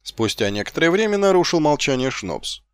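A man narrating an audiobook in measured, expressive storytelling. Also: fairly high pitch, clean tone, dry recording, studio quality.

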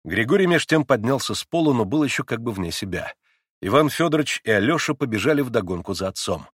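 A man reading a novel aloud as an audiobook narrator, with expressive, dramatic delivery. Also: mid-range voice, quick pace, slightly rough, no echo, studio quality. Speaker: audiobook reader.

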